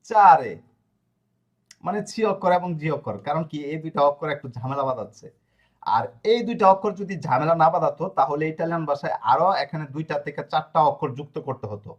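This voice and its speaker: Fairly high-voiced man teaching grammar. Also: highs cut off. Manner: explanatory, checks understanding with frequent questions; spells out verb endings slowly. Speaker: language teacher. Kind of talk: classroom grammar lesson.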